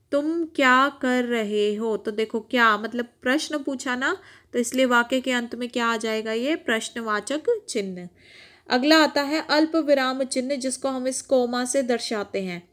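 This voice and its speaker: A woman's voice: high voice, a bit bright. Woman teaching children, patient and repetitive. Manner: explains and repeats slowly, asks questions. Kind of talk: worksheet lesson for children.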